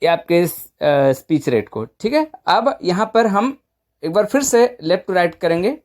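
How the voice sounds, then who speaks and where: A woman's voice: on the low side, big pitch swings, unhurried, a little mellow. A woman presenting an informal step-by-step phone tutorial, conversational and often checking in with short tag questions.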